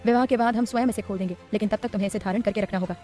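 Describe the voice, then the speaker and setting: A woman voicing an intense, protective adult man in an audiobook, calm, tender and firm. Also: mid-range voice, rapid-fire, soft background music, close to an everyday voice. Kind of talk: audiobook character voice.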